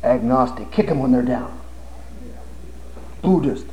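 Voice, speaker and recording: A man's voice: mid-range voice, expressive, unhurried, warm tone, a little hiss or hum, low-quality recording. An older man preaching a sermon with impassioned rhetorical questions and humorous stories. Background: audience laughter.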